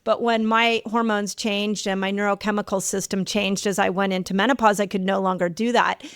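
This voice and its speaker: A woman's voice: medium pitch, little pitch movement, brisk, no room sound, studio quality. A middle-aged woman hosting a podcast interview, affirming her guest and thinking aloud with restarts. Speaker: podcast host. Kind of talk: conversational interview.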